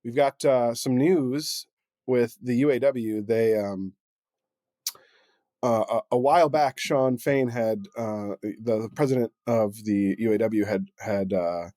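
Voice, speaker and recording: A man co-hosting a podcast in a loose, joking way, often trailing into fillers and restarts. His voice sits at a middle pitch. The sound is dry and close. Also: takes it slowly, dark tone, no echo. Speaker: podcast co-host. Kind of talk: casual podcast chat.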